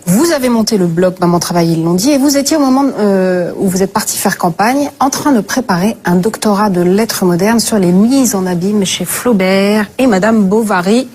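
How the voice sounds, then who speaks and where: A woman's voice: medium pitch, normal speed, hardly any pauses, darkish tone, a little hiss or hum. A woman hosting a TV talk show, introducing her guest with playful teasing asides. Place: TV studio.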